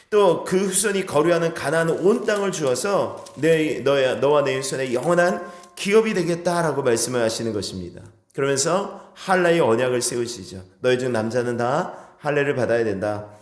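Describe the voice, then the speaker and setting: Earnest male pastor in echoey church. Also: on the high side. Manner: earnest, rhetorical questions, acts out quoted speech. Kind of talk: sermon. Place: church sanctuary.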